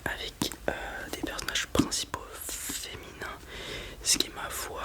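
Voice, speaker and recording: Someone in a whispered role-play as a librarian, speaking in a soft library whisper while presenting and reading from books. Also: measured pace. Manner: reads blurbs aloud, then comments informally with hesitations. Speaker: ASMR creator playing a librarian presenting books.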